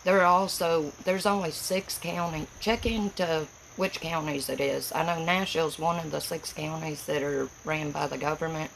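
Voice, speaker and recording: A woman with a folksy Appalachian accent from Tennessee chats casually on a livestream. Her voice is gravelly with plenty of fry, and she talks in a plain, rambling, rural way. Faint noise sits behind her on the recording. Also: sits low, steady tone, normal speed, hardly any pauses, poor audio. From Tennessee, United States. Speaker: livestream host.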